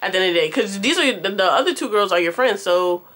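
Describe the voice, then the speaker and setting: Casting: young woman, storytime vlogger, brash and cursing, chatty and animated, mid pitch. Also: fast talker. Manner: profane, animated, talks straight to viewers. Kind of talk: casual storytime.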